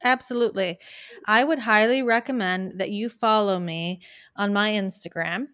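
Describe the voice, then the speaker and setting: A middle-aged woman who works as a business coach, giving practical advice in a lively podcast chat. She often restarts her sentences. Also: medium pitch, moderate pace, dry recording, studio quality.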